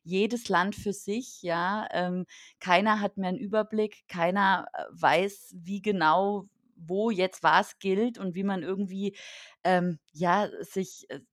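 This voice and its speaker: A woman's voice: mid-range voice, steady tone, slow, dry recording, studio quality. A woman speaking as a podcast guest from the hotel industry, talking casually with many fillers and restarts, indignant about the rules.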